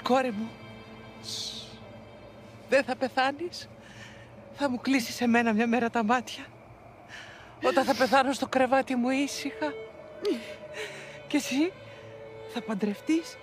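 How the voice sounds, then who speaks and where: Woman doing a fierce devout auntie, high-pitched, earnest, motherly. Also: lightly acted. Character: protective aunt, fierce and devout. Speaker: aunt of the girl. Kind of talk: period television drama acting.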